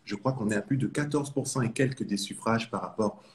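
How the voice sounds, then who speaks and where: A man's voice: lowish voice, fairly quick. A man from France hosting an interview, framing questions with enthusiastic praise for his guest. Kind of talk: interview host.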